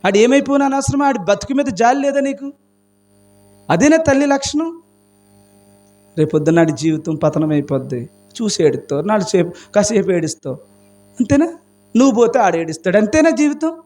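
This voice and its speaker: A man's voice: sits high, big pitch swings, brisk, pauses often, a little mellow. A male pastor preaching a sermon with passion, asking his congregation question after question. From India. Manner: impassioned preaching with rhetorical questions.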